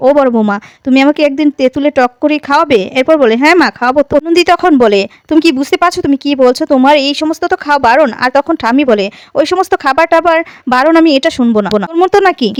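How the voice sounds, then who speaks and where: A woman retells a story in a rapid, high voice, barely pausing between lines. She reads out every character's dialogue without changing her voice. The recording is dry and close, with no room sound. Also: no room sound. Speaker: serial recap narrator. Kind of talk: fast recap narration, reading out every character's lines.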